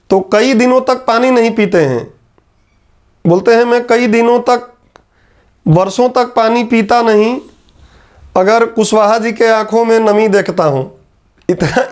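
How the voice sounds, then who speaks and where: Very high-voiced male teacher. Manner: chatty, teasing asides to students; repeats key terms slowly. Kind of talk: classroom lecture. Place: teaching room with a whiteboard.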